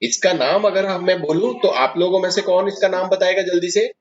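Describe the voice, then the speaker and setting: A male chemistry teacher with a fairly high voice lectures at the board, working through each step and asking his students questions as he goes. The recording is dull and lo-fi. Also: steady tone, fairly quick.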